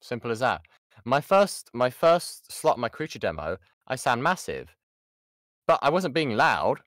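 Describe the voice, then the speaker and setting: Very animated yet unhurried, this medium-pitched British voice has a fairly bright tone with no echo. Working as a voice actor, he teaches an informal lesson on an online call, sitting close to the mic, joking, chatting, and interrupting himself as the audience asks questions.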